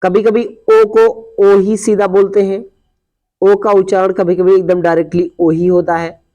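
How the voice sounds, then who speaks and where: A man teaching a pronunciation lesson, explaining step by step and slowly repeating example words. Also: high-pitched, little pitch movement, dark tone. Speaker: English teacher. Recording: dull lo-fi recording.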